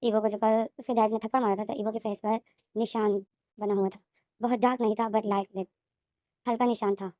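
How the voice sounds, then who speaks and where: Brisk woman narrating a story recap. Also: fairly high pitch, level tone, dark tone, no room sound, clean studio sound. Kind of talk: fan fiction recap narration.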